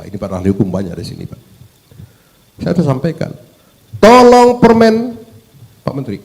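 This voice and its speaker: A male parliament member from Medan, North Sumatra, gives a fiery, formal address at a hearing. His voice is higher with lively pitch, and he speaks emphatically, asking rhetorical questions and repeatedly addressing "sir."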